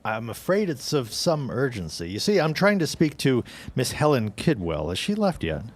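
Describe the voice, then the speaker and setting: In a 1910s period audio drama, a man plays a newspaper city editor who is polite but persistent. His medium-pitched voice swoops wildly as he probes in a formal, courteous way at a moderate pace.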